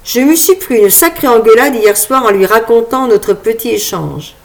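A woman reading aloud voices a grown man turned sheepish and apologetic, speaking lower and more quietly than her narration. He sounds subdued and a little embarrassed, in a storybook style. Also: animated, moderate pace.

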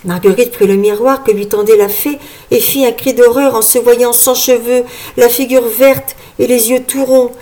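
A woman narrating a storybook in a measured, even storytelling manner. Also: fairly high pitch. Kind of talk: storybook reading.

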